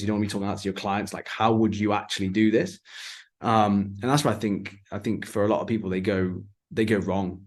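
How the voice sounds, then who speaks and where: A man chatting casually on a podcast, blunt and sweary. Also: on the low side.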